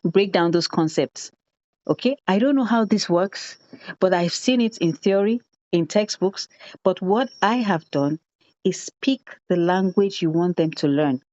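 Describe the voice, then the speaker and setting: Teaching animatedly on a video call, this woman is an education consultant running an online teacher training. She speaks in a lowish, unhurried voice, bringing stories to life by imitating children and repeating phrases for emphasis, and the audio is dull, dry and free of room sound.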